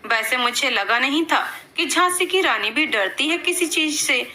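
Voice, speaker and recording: A woman's voice: sits high, animated, normal speed, sharp tone. A woman voicing a playful young male office colleague who teases his coworker in a told story. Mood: teasing. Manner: teasing, joking.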